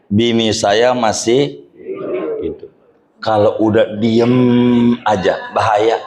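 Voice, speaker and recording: A man's voice: on the low side, steady tone, slow pace, darkish tone. A man giving a joking, colloquial Islamic study sermon to a gathering. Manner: joking, colloquial Jakarta slang. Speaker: religious teacher.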